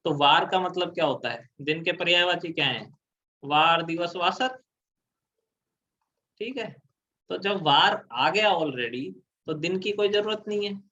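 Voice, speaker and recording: Male tutor, somewhat high-pitched, patient explanatory lecture style, muffled low-fidelity audio. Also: sharp tone. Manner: explanatory, asks and answers his own questions. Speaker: teacher. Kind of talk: exam prep grammar lecture.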